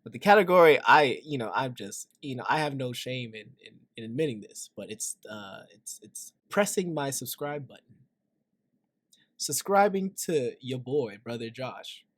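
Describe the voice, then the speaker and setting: A man's voice: mid-range voice, animated, normal speed, a bit bright. A man hosting a reaction video, joking through casual commentary and leaning into confiding asides that end in "right?".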